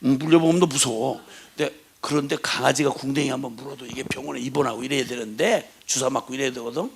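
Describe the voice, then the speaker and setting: A middle-aged man, a missionary, telling stories in a folksy sermon, dropping to hushed asides and bursting into loud laughing exclamations as he imitates his mother's scolding. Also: mid-range voice, fast talker, vocal fry, a little hiss or hum. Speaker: missionary preacher.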